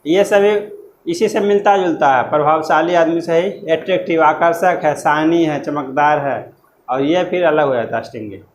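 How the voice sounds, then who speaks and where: A man teaching an exam-prep lesson, explaining words slowly and spelling them out letter by letter, with loose, repetitive phrasing. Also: a little high, roomy sound, slight background noise, low-quality recording.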